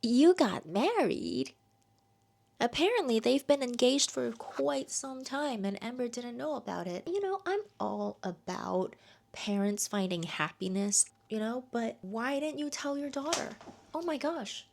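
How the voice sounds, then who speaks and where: A young woman chatting casually as she reviews a book for her vlog, with lively asides. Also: a little high, measured pace, creaky.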